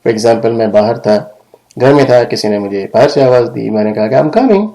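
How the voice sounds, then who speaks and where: A man teaching English phrases in a lesson, acting out examples with lively emphasis. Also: on the low side, low-quality recording. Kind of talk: language lesson explaining phrases.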